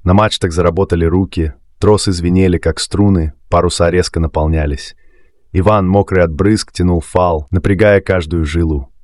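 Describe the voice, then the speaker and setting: A man reading a dramatic sea story aloud as a narrator, in a steady storytelling manner. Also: sits low, moderate pace, no echo, studio quality. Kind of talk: scripted narration.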